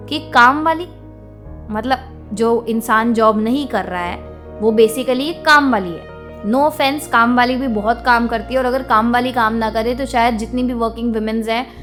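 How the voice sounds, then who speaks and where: Young woman vlogger, higher voice, outspoken and indignant rant, faint music underneath. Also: a bit bright. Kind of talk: venting monologue to camera.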